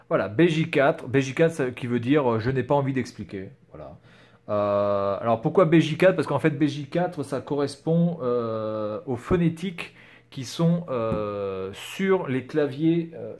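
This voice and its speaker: A man's voice: mid-range voice, darkish tone. A man casually explaining things on camera, hesitant and full of fillers, writing as he talks. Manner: hesitant, many fillers and "voilà". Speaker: vlogger.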